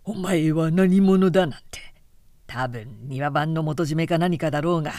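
A man's voice: fairly high pitch, animated, moderate pace, darkish tone, no echo, studio quality, lightly acted. A woman voicing a wry young male samurai who mutters to himself and answers politely. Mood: muttering.

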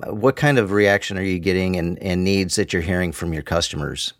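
This podcast host speaks in a low voice, a little fast, with clean studio sound and no echo. He runs the interview conversationally, posing lengthy multi-part questions.

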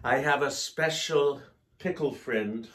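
A man co-hosting a casual chat, telling jokes in a playful, unhurried way. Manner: slow, playful joke-telling with lively pitch. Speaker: co-host.

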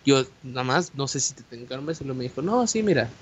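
A young man with a Mexican Spanish accent telling a personal story in casual chat, animated and slangy, with many fillers and restarts. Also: mid-range voice, very fast, husky. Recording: dull lo-fi audio with faint hiss.

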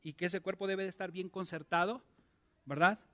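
High-voiced pastor preaching conversationally. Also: male voice, fairly even intonation, moderate pace, a bit bright. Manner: conversational, asks the congregation many questions. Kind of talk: sermon.

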